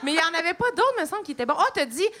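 A woman hosting a live podcast, playful and quick to interject and laugh along. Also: very high voice, sing-song, bright, forceful tone. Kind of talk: casual chat, live podcast.

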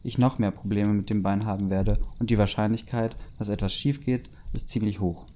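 A man's voice: on the low side, fairly even intonation, brisk, dark tone, slight background noise, lightly acted. A man reading the lines of a grumpy, easily annoyed teenage girl in his own plain voice, sulky and sarcastic. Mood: resigned.

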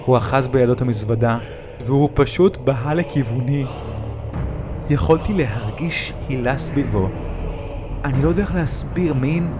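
Male narrator for a horror creepypasta, mid-range voice, tense delivery over a music track. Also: mid-range voice. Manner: tense first-person retelling, shouting in the dialogue. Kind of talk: creepypasta storytelling. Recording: music bed behind the voice.

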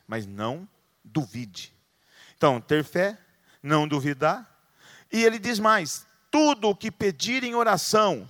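A man's voice: on the high side, fairly bright tone, dry recording, clean studio sound. A middle-aged man with a Brazilian Portuguese accent, preaching a sermon as pastor with emphatic rhetorical questions. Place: church in Londrina, Brazil.

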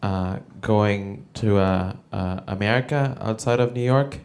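A man from El Salvador doing a stand-up comedy set, with a halting delivery full of fillers and restarts. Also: on the low side, darkish tone. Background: audience laughter.

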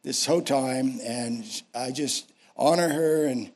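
A man's voice: mid-range voice, slow, a little mellow, a little hiss or hum. A man in his sixties with an American accent preaching a sermon, emphatic and repeating phrases for effect. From United States. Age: 60s. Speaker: senior pastor, guest preacher. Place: speaking to a church congregation.

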